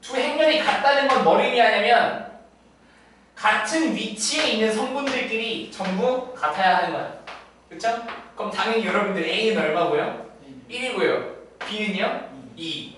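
A male math teacher giving a classroom lecture, often stopping to check in with students through quick tag questions. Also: sits high, animated, fairly bright tone. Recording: echoey room, distant mic, faint noise.

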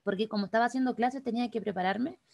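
A woman with a Chilean accent, teaching an online class over a video call, talking quickly and chattily straight to the participants. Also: on the high side, vocal fry, a little mellow, no room sound. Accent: Chilean Spanish. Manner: fast, chatty, addresses participants directly. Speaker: workshop instructor.

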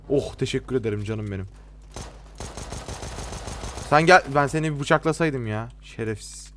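A man's voice: on the high side, fairly bright tone. A young man with a Turkish accent commentating his own gameplay for his channel viewers, exasperated and swearing at the game. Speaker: gaming YouTuber.

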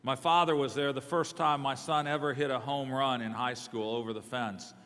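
A middle-aged man preaching a sermon in a large church hall, telling a personal story with self-deprecating humor and lively swings between loud and soft. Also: mid-range voice, moderate pace. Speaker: guest preacher. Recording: long reverb of a large hall.

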